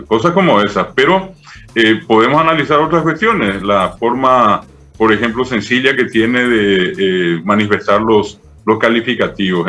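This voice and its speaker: Un hombre de mediana edad con acento paraguayo, profesor invitado que explica con paciencia y muchos "eh" y "¿verdad?". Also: male voice, mid-range voice, bright, forceful tone. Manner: patient, didactic, many fillers "eh" and "¿verdad?". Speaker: Guaraní language professor, guest. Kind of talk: explanatory interview talk.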